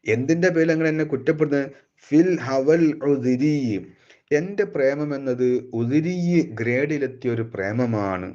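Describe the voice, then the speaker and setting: A man teaching a classical devotional poem line by line, slowly chanting each verse and then explaining it briskly. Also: mid-range voice, a little mellow, highs cut off. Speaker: religious teacher.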